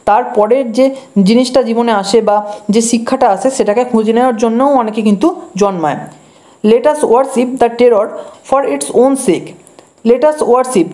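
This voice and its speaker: Woman teacher with a warm, mellow, fairly high voice. Reads each English line slowly, then explains it quickly. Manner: patient, explanatory. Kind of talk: line-by-line text explanation lesson.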